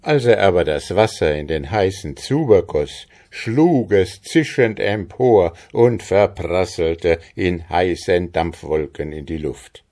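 A man narrating a fairy tale in measured, scripted audiobook storytelling. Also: sits low, animated, a little mellow.

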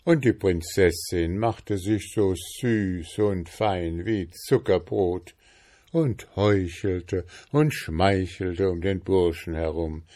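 A man reading a fairy tale aloud as narrator, in an unhurried storytelling manner. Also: sits low, warm tone.

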